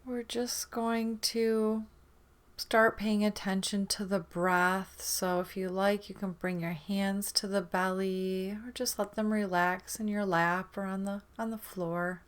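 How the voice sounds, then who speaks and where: With a steady tone and a mid-range voice, a woman guides a meditation gently and soothingly, leaving long stretches of silence between phrases.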